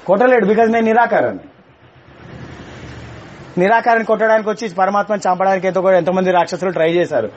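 A high-voiced man gives a quick, colloquial spiritual talk to his students, teasing them as he goes. The recording sounds a little dull, with faint room ambience behind him. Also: steady tone, darkish tone, slight background noise. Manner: colloquial, teasing, mixes English words. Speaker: spiritual teacher. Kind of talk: spiritual discourse to a class.

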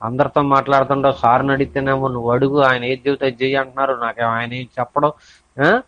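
A man's voice: mid-range voice, flat delivery, fast, a bit bright, dry recording. A man earnestly recounting a spiritual experience to his teacher, repeating himself as he searches for words. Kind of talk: personal account to a teacher. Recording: dull lo-fi dry recording.

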